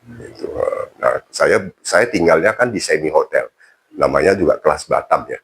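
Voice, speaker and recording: A middle-aged man telling his conversion story in casual conversation, animated and acting out the voices in his dialogue. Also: moderate pace, slight background noise. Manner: animated, acts out quoted dialogue with big pitch jumps.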